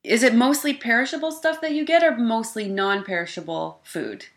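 A woman's voice: fairly high pitch, moderate pace, vocal fry. A woman hosting a podcast, asking questions in a friendly, chatty way and encouraging her guest. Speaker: podcast host. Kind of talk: casual interview chat.

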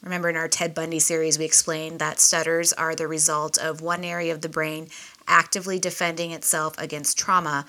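A woman's voice: low-pitched, bright, forceful tone. A woman co-hosting a true-crime podcast, reading from notes in a chatty way with casual asides. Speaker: podcast co-host.

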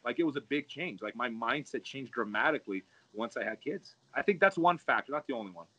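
A man's voice: mid-range voice, lively intonation, a little fast, sharp tone, muffled recording. A jiu-jitsu coach talking in a casual chat, reflective and repeating words as he searches for them.

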